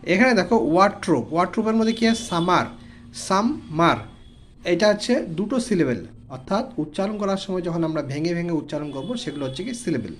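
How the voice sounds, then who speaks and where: A man's voice: sits high, animated, quick pace, hardly any pauses, a little hiss or hum. A man with a Bengali accent teaching an online English lesson for children, saying each word, repeating it and translating it.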